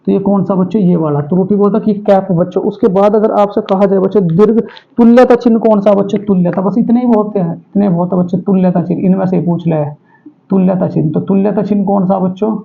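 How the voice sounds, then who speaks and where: A man's voice: high-pitched, steady tone, fast, vocal fry. A male teacher giving an online exam-prep class, who asks students questions and repeats each answer. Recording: tinny phone-like audio.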